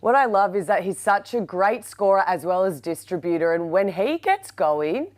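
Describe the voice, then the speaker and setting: A woman's voice: medium pitch, lively intonation, normal speed. An Australian woman co-hosting a sports show as a player, giving chatty analysis of plays.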